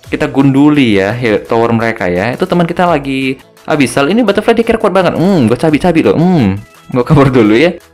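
A man's voice: mid-range voice, expressive, brisk, darkish tone, faint music behind. A young man gives casual, joking commentary over a mobile game, tacking little tag words onto his phrases. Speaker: gaming video host.

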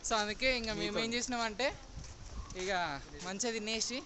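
A man's voice: high voice, fairly even intonation, moderate pace, noisy background. A young man, chatting upbeat through a travel vlog and calling out to viewers as friends. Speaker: travel vlogger. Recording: crowd chatter behind.

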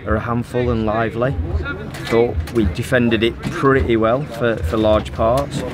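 A middle-aged man, a football manager, answering post-match questions in a measured way, full of fillers, interviewed outdoors on a pitch. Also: over music. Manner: measured, even and level, with frequent fillers. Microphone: handheld phone held by interviewer. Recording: outdoor pitch with crowd noise behind. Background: crowd noise.

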